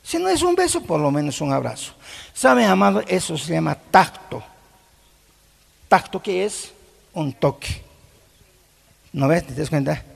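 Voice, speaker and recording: A middle-aged pastor preaches emphatically to his congregation in a church hall, mixing Quechua words into his sermon and often putting questions to his listeners. His fairly high, gravelly voice is sing-song and a little slow, with a breathy edge and frequent pauses. A long reverb fills the hall.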